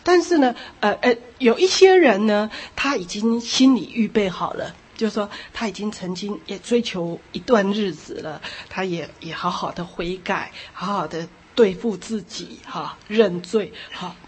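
A woman preaching a sermon, repeating phrases for emphasis and adding lively asides. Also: medium pitch, moderate pace, few pauses, slightly rough.

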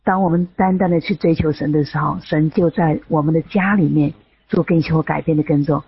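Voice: mid-range voice, steady tone, fairly quick. A host of an online prayer room giving closing remarks after the testimonies. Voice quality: very husky. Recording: muffled lo-fi online voice chat.

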